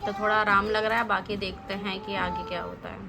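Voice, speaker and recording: A woman's voice: little pitch movement, a little fast, creaky, noisy background. A young woman vlogging casually at home, talking in a rambling, chatty way to her viewers. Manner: chatty, rambling, switches to high baby talk with her toddler. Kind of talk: casual home vlog chat.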